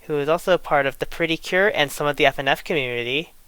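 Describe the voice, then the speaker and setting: An online video creator of unclear sex vents grievances in an unscripted, indignant rant, often restarting and repeating phrases out of exasperation. The voice is mid-range, fast, a bit bright and smooth, with no echo.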